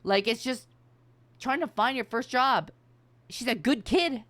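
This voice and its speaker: Speaking a little slowly in a voice on the high side, a middle-aged VTuber chats casually with her livestream audience. She's animated and emphatic, with plenty of free-flowing profanity, and the recording is dry.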